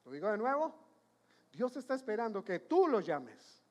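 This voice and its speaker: A man's voice: high voice, very animated, normal speed. A man preaching a sermon as pastor, emphatic, repeating his points and questioning the congregation.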